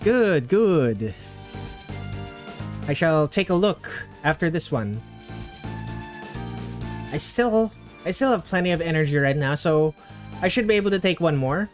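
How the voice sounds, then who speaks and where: A man's voice: a little high, animated, a little slow, pauses often, faint music behind. Man chatting into a livestream headset. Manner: chatty, trails off and restarts mid-sentence. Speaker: streamer. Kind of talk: casual livestream chat while drawing. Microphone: livestream headset mic.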